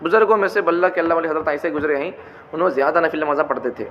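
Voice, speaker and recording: In a dull, echoey hall with faint background noise, a high-voiced religious teacher gives a teaching talk on prayer at a racing pace. He keeps posing rhetorical questions and repeating his points.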